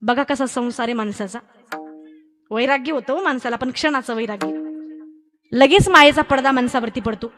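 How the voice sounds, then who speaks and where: A woman's voice: high-pitched, normal speed, long pauses, fairly bright tone, long reverb tail, faint music behind. A woman with a Marathi accent preaching a devotional kirtan sermon, telling a story animatedly, acting out the characters' voices and talking directly to the audience.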